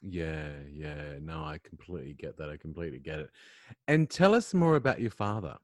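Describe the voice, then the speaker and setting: A man's voice: extremely low pitch, lively intonation, a little fast, no room sound, clean studio sound. A man hosting an interview podcast, introducing his guest and responding to her with effusive, affirming remarks. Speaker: podcast host.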